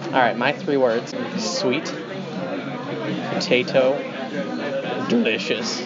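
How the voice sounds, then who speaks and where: A young man hosting a casual food review vlog in a restaurant, joking in a dry, brisk way. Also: medium pitch, a loud crowd. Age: young adult. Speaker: host. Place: indoor restaurant with wooden wall. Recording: dull lo-fi sound with loud background music.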